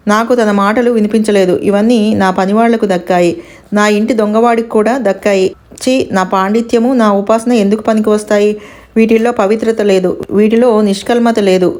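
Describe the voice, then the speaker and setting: A woman's voice: mid-range voice, darkish tone, lightly acted. Female narrator as a pious male scholar, remorseful and self-reproaching.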